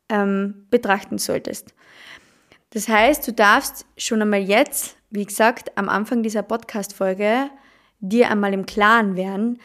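A woman hosting a self-help podcast, talking casually with many fillers and repeated words for emphasis. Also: mid-range voice. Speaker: podcast host.

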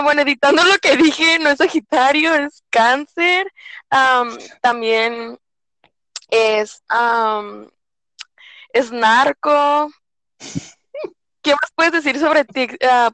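A woman's voice: high-pitched, slow pace, long pauses, fairly bright tone, dry recording. A woman hosting a casual podcast interview, chatty, playful and teasing. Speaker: podcast host.

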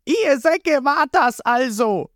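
A man voicing a brash, hot-headed young male pirate captain who shouts roughly. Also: extremely high pitch, sing-song, extremely slow, no room sound, clean studio sound, pitched above the performer's own voice, full character voice. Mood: angry.

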